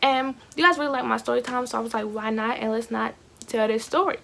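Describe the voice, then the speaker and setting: Teen girl youtuber spilling gossip storytime, lots of vocal fry, kinda high pitched, slangy. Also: fast, slight background noise. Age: teenager, fifteen. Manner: slangy, animated asides to viewers. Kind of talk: casual gossipy storytime chat.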